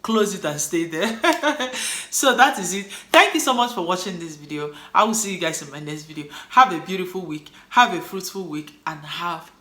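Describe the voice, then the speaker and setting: Speaking at a normal pace in an echoey room, this cleaning vlogger with a Nigerian accent talks casually to camera and ends on a motivational note. Her fairly low voice sounds pushed and bright, and her delivery is animated, upbeat and encouraging.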